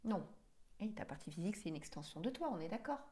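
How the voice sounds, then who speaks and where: A woman's voice: mid-range voice, very animated, quick pace, a little mellow. A woman hypnotherapist guiding a regression session, pressing her subject with insistent, probing questions.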